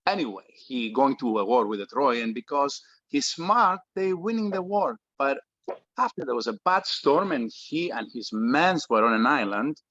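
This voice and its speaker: A man's voice: medium pitch, expressive, normal speed, fairly bright tone, no echo, muffled recording. An actor playing a Greek immigrant father in a script table read, speaking broken English with a heavy Greek accent as he tells his children a bedtime story. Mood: storytelling.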